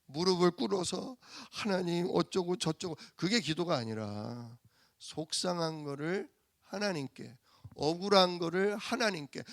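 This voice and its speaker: A man preaching a sermon as pastor, animated and full of rhetorical questions to the congregation. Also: high-pitched, no echo, studio quality. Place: church sanctuary.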